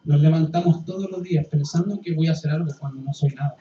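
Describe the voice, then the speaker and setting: A man preaching a sermon as pastor, impassioned, swinging from loud pleading to hushed, quiet passages. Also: fairly high pitch, fast, slight background noise. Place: church hall. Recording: roomy, distant, dull church recording with faint ambience.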